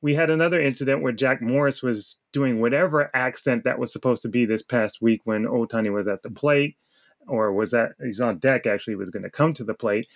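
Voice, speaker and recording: A man's voice: mid-range voice, brisk. Ranting man on a sports talk show. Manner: emphatic, repeats words while searching, laughs between points. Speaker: podcast co-host. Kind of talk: opinionated sports talk rant.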